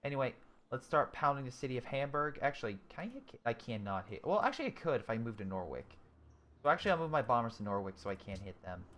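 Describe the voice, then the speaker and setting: A gaming YouTuber in his twenties casually commentates a strategy game while playing and reading viewers' chat, which he answers. He thinks out loud with frequent ums, restarts and self-corrections. His mid-range voice is fast with big pitch swings, and there's slight background noise.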